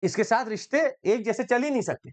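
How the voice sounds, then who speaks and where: A male exam-prep teacher lecturing in a chatty, lively style, joking and slipping in English phrases. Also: very high-pitched, brisk.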